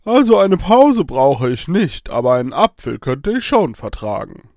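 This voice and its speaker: A man voicing a cheerful, hungry donkey in a high, drawn-out voice. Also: sing-song, a little mellow, no room sound, studio quality. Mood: content.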